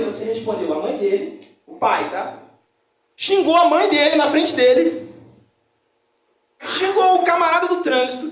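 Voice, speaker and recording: Animated Brazilian preacher man in echoey hall. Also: very high-pitched. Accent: Brazilian Portuguese. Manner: animated, acts out quoted voices. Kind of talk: conversational sermon. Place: church hall.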